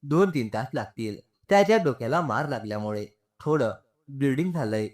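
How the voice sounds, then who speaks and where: A matter-of-fact hospital nurse, brisk and informative, as a male narrator voices her. She speaks with a mid-height tone and lively inflection. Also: mid-range voice, natural voice.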